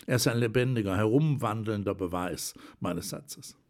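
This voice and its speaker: A man voicing a calm, reflective old man. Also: fairly low pitch, close to an everyday voice. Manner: measured, thoughtful speech. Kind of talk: audiobook character voice.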